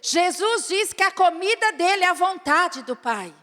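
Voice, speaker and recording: A woman's voice: very high voice, lively intonation, normal speed, sharp tone. A Brazilian woman preacher delivering an emphatic sermon, addressing her listeners directly. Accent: Brazilian Portuguese. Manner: emphatic, addresses audience as "querida". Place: church hall. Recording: reverberant church hall.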